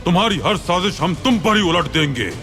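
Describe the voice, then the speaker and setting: Dubbed series: stern Ottoman sultan, solemn and commanding, with lively pitch. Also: measured pace, soft background music. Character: stern older Ottoman sultan, proud and defiant.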